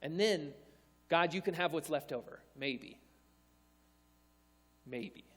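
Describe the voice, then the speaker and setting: A man in his thirties preaching a sermon, swinging between forceful declarations and quiet, conversational asides. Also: a little high, moderate pace, long reverb tail. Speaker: pastor. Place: church sanctuary.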